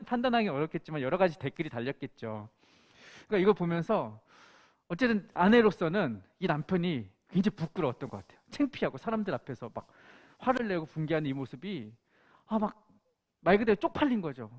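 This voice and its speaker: Korean pastor guy preaching, bit high voice, pitch jumps around a lot while he tells a story. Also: big pitch swings, brisk. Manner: storytelling with acted-out quotes. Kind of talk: sermon.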